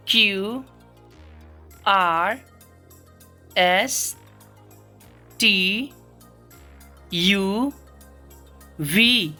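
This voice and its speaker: Bright-voiced woman teaching phonics. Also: mid-range voice. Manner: explains patiently, repeating each sound several times. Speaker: English teacher. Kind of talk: spoken phonics lesson.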